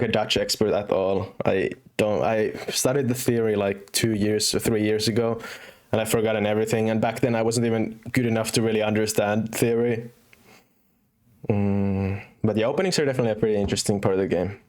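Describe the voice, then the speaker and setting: A man's voice: on the low side, fairly even intonation, fairly quick, a little mellow. A young man from Finland with a Finnish accent that mixes in British and American English. He streams chess casually, thinking aloud with many fillers and restarts. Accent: Finnish, with British and American English mix. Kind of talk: casual live-stream commentary.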